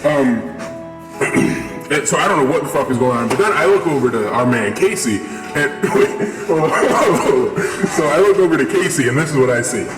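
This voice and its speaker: A man's voice: on the high side, lively intonation, moderate pace. A young man rambling through a casual story with lots of fillers, his voice run through a voice changer. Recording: echoey with long reverb, music behind.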